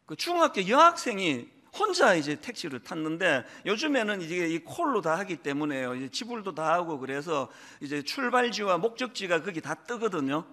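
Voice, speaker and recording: A middle-aged male pastor preaching a sermon and telling a personal story, emotional and animated, acting out the people in it. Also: high-pitched, normal speed, hardly any pauses.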